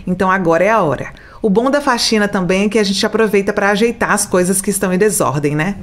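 A woman's voice: mid-range voice, quick pace, soft background music. Chatty Brazilian woman narrating home cleaning. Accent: Brazilian Portuguese. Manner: chatty, addresses viewers directly. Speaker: home organization vlogger.

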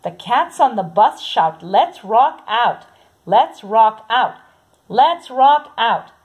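Slow, husky woman reading a picture book. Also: on the high side, very animated. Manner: slow, sing-song read-aloud with soft repeated sounds. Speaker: storybook reader.

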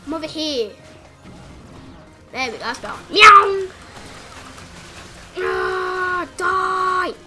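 A woman narrates her own gameplay with a very bright, high voice that leaps up and down as she reacts. She talks at an easy, unhurried pace between excited shouts and yelps, with faint game music under her commentary. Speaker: gaming channel host.

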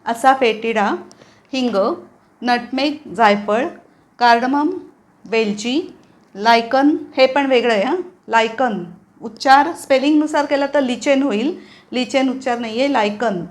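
A woman with a slightly high voice gives a patient vocabulary lesson. She repeats each word several times and spells some of them out. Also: measured pace. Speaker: English teacher. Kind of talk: vocabulary lesson with repetition drills.

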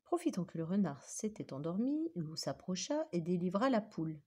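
A woman teacher reading a children's story aloud with animated, expressive storytelling. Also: on the low side, moderate pace, slightly rough.

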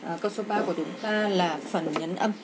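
A woman's voice: on the low side, a little fast. Hesitant woman teacher in a noisy room. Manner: explains step by step with frequent hesitant fillers. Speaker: English teacher. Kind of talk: exam walkthrough lesson. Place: home with a child nearby. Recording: noisy home recording.

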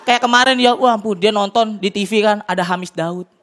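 High-voiced Jakarta man doing loud stand-up. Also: brisk, a faint crowd. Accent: Jakarta colloquial Indonesian. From Tanjung Priok, Jakarta, Indonesia. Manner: loud, excitable, bursts into shouted punchlines. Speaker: stand-up comedian. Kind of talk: stand-up comedy routine. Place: TV studio stage with live audience. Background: audience laughter.

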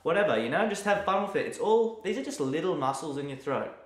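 Casual male music teacher, easygoing and talkative, a little high-pitched, recorded in a roomy space. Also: fast. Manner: relaxed, chatty, demonstrates by singing and vocalising. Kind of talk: casual video lesson. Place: room at home during lockdown. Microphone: mic near the camera.

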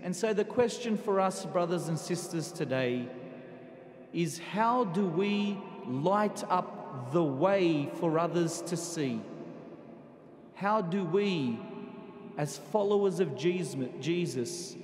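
A man preaching a homily as a priest at a pulpit microphone, slow and deliberate with pauses. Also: a little high, lively intonation, soft background music. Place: large cathedral. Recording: echoey cathedral with long reverb.

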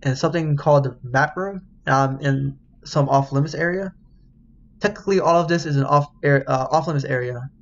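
A man's voice: fairly high pitch, moderate pace, dull audio. A man casually reading a game's dialogue aloud while he plays, swearing, laughing and yelping when something startles him. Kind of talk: casual let's-play commentary.

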